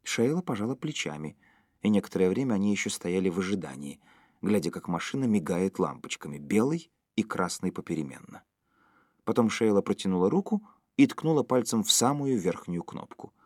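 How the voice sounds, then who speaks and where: A man's voice: sits low, sing-song, a little fast, no room sound, clean studio sound. A man reading a story aloud as an audiobook narrator, telling it expressively.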